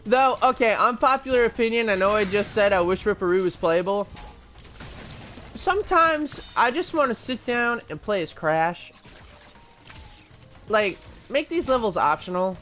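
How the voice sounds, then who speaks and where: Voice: mid-range voice, lively intonation, a little slow, a bit bright, faint music behind. A gaming streamer in casual live-stream commentary, rambling and chatty, drifting into tangents and restarts.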